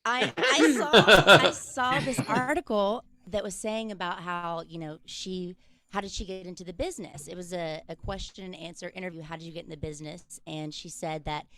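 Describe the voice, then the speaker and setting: Over a video call with a noisy background, a Mississippi-born guest comedian spins stand-up style stories that poke fun at herself. Her voice is lowish with fairly even intonation, and she keeps things chatty, dropping in quick asides.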